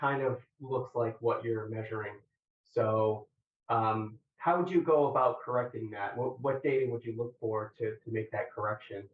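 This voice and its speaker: Guy examiner on tinny far-off echoey line, halting but collegial, giving technical feedback and questions. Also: medium pitch. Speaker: examiner questioning a thesis candidate. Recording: very echoey, distant, phone-like remote audio.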